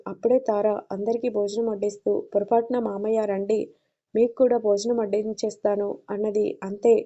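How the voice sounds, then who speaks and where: Woman plays a gentle, advising uncle, mellow and monotone, muffled storybook audio. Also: medium pitch, natural voice. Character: caring worried middle-aged uncle.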